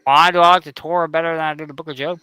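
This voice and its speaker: A man's voice: a little high, flat delivery, rapid-fire, sharp tone, smooth, no echo. A man joining a casual livestream chat as a guest, speaking in a hesitant, thoughtful way.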